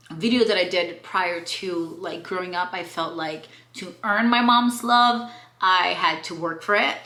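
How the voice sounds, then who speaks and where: A woman's voice: on the low side, pushed and bright. A woman in her late twenties from Cuba, talking candidly in a casual vlog book review and slipping in playful slang. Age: 20s. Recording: roomy echo.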